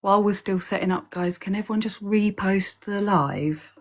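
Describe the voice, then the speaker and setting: A woman chats her way through setting up a live stream from home, her voice husky and a little breathy. She greets viewers one by one and drops to a soft whisper now and then. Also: medium pitch, moderate pace. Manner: chatty, greets viewers by name, sometimes whispers. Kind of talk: casual live-stream chat.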